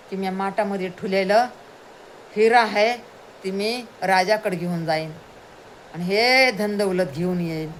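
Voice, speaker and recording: A woman's voice: mid-range voice, a little hiss or hum, low-quality recording. A woman telling a folk tale aloud, repeating phrases and addressing her listeners with asides. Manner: repetitive, chanting retelling with rhetorical asides. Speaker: storyteller.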